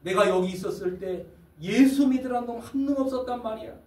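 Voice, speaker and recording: A preacher voicing a gruff male death-row prisoner who bullies cellmates into faith, in an echoey hall from a distance. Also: very high-pitched, fairly quick, darkish tone, pitched above the performer's own voice. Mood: scolding. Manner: bossy, scolding, threatening.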